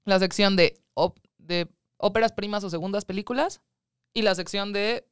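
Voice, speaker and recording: Animated Mexican woman producer, thirties, very clear voice, dry close mic. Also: medium pitch, moderate pace, dry recording. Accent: Mexican Spanish. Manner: animated storytelling, acts out quoted voices. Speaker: guest, film producer. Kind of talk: casual interview chat.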